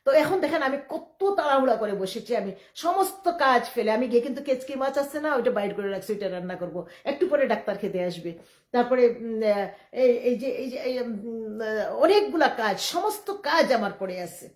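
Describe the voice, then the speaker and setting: A middle-aged woman from Bangladesh, speaking in a rambling live-stream monologue. She talks quickly and emphatically, often defiant, with many restarts. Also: fairly high pitch, expressive, darkish tone. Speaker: livestreamer. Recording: echoey room.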